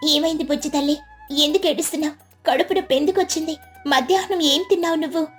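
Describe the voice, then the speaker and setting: A woman's voice: sits high, fairly even intonation, normal speed, soft background music, natural voice. A woman doing a fierce, protective mother sparrow. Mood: worried. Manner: firm, indignant.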